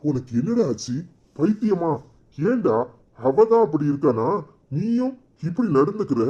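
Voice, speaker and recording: A man's voice: medium pitch, animated, moderate pace, warm tone, close to an everyday voice. A man voicing a cheeky, gossipy office friend in a cartoon. He has a Tirunelveli Tamil accent and talks in a chatty, mocking way. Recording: slightly dull lo-fi recording.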